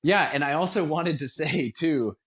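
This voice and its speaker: Speaking at a moderate pace in a fairly bright, higher-leaning voice, a man appears as an interview guest and talks with conversational enthusiasm about his work as a radio theatre director.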